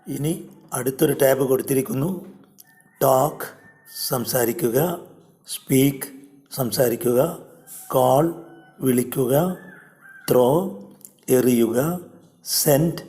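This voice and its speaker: A man with a Malayali accent teaching English grammar online, reading word lists one at a time with pauses. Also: medium pitch, steady tone, warm tone. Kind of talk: slow, deliberate grammar lesson.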